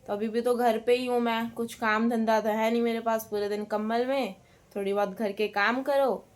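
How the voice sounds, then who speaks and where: A young woman chatting casually to her viewers in a daily-life vlog, relaxed and talkative. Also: a little high, normal speed. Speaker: vlogger.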